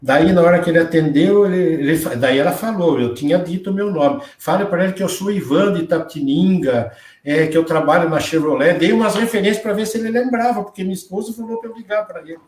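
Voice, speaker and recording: A man tells a personal story in earnest as an interview guest, acting out what others said to him. His voice sits a little high for a man. The recording is roomy and distant, as if he sits well back from the mic. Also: quick pace, a little mellow. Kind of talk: personal testimony in a live interview.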